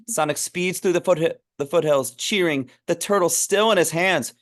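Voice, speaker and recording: A man's voice: a little high, unhurried, fairly bright tone. A man narrating a script read, reading stage directions aloud in an informal, amused way.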